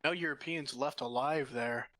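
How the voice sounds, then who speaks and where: Bright, excitable male game commentator. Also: medium pitch, dry recording. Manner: excitable, quick play-by-play reactions. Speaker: match commentator. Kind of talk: casual esports commentary.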